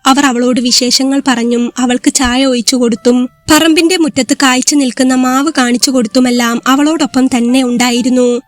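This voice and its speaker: A woman reading a scripted story aloud in a steady, even manner. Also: sits high.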